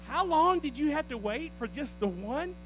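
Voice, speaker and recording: High-voiced, lively male preacher. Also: normal speed, a little hiss or hum, rough recording. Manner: animated preaching that swings from loud declarations to low asides with the congregation. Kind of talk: sermon.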